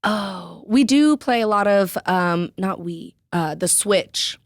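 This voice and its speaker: A woman's voice: medium pitch, lively intonation, slow pace, no echo, clean studio sound. A young woman guest in casual radio chat, joking and playful, laughing often.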